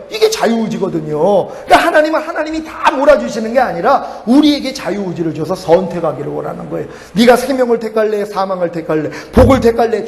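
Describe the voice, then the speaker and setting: A middle-aged man preaching a revival sermon in a church, telling his story with acted-out voices and frequent laughs. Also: sits high. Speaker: pastor. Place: church sanctuary. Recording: echoey church hall.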